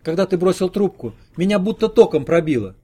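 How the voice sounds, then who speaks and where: A man's voice: high voice, expressive, fairly quick, warm tone, husky, voice pushed up. A man reading an audiobook, voicing an anxious, devoted middle-aged wife in a raised, pleading voice. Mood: fretful.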